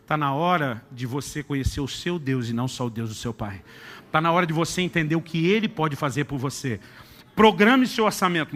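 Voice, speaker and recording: A middle-aged man preaching a sermon, telling a family story with acted-out dialogue and shifts to a soft, intimate tone. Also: a little high. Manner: animated storyteller acting out dialogue, dropping to soft intimate tones. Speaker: pastor.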